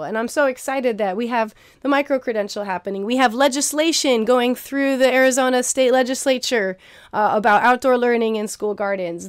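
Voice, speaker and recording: A woman's voice: fairly high pitch, clean tone, dry recording, studio quality. Earnest young woman giving an encouraging talk. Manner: earnest, encouraging, repeats phrases for emphasis. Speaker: keynote speaker, garden teacher. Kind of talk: recorded keynote talk. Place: indoor room at home, video recording.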